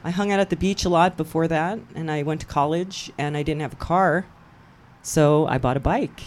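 Guesting on a local radio program, this Hawaiian woman who promotes cycling events chats casually about her story, laughing readily. She has a low, somewhat mellow voice and talks at a normal speed.

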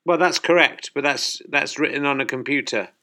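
A man doing a comic bit, getting exasperated with his phone assistant and talking to it slowly and overly clearly. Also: a little high, pushed and bright, a little hiss or hum. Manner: exasperated, slow and overly clear when addressing the device. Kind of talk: comic monologue.

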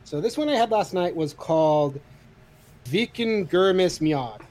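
Thirties co-host, man, lightish voice, animated, cusses a lot. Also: sits high, a little slow. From Idaho, USA. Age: 30s. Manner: swears freely, animated, self-deprecating. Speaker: podcast co-host. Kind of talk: casual chat.

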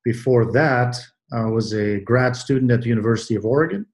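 A man in his sixties from Belgium, answering interview questions about his career in a measured way, with many pauses and restarts. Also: medium pitch, darkish tone. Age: 60s. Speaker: guest, athletic trainer.

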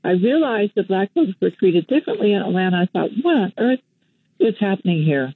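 A tinny telephone line carries an older Western Canadian woman, a guest journalist and activist, in a casual interview. Her medium-pitched voice is very animated and a little fast as she reflects and tells stories, with many fillers and restarts.

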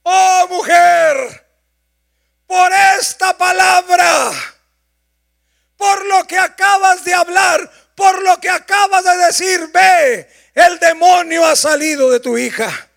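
Pastor doing a solemn authoritative teacher, slow and high. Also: male voice, expressive, vocal fry, a bit bright, shouting, a faint crowd, full character voice. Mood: proclaiming. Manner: solemn, proclaiming. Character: stern teacher figure speaking with authority.

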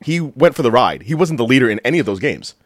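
A man's voice: medium pitch, big pitch swings, quick pace, no room sound, studio quality. A man with an American accent in a casual sports debate, insistent and contrary, often repeating himself for emphasis.

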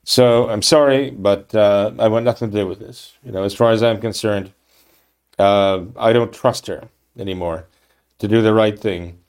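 Indignant low-voiced male commentator. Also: fairly even intonation, moderate pace, a little mellow, smooth. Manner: emphatic, indignant, with frequent restarts and "okay? right?" tags. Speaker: political commentator. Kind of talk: monologue reading and commenting on a news article.

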